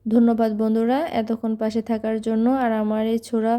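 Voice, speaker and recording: A high-voiced woman teaching Quran recitation, with a mellow, soft tone. She chants each verse slowly, stretching out its sounds, then explains the pronunciation patiently and repeats it for her learners. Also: monotone. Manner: slow drawn-out chanted recitation alternating with explanation.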